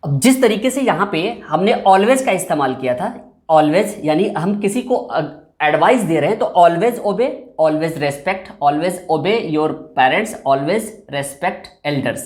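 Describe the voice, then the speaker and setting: Male English tutor, patient and repetitive, explaining grammar at a board, recorded with room echo. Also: high voice. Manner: patient, repeats and drills example phrases. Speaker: English teacher. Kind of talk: explanatory classroom lesson. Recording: echoey room.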